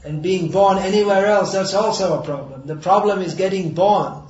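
A man's voice: high voice, normal speed, darkish tone. A man giving a sermon to an audience, wry and sarcastic, then earnest and emphatic. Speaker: preacher. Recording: roomy echo, distant mic, dull sound.

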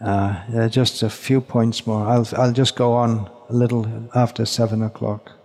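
A man giving a measured religious lecture in short phrases, pausing and repeating words while an interpreter follows. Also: mid-range voice, level tone, a little mellow. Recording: long hall reverb.

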